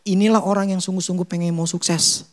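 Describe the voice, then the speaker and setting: A man's voice: high-pitched, brisk. A male pastor preaching, telling stories and acting out short quotes. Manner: animated storytelling with acted quotes; casual Jakarta slang (gue, lu). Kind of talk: sermon.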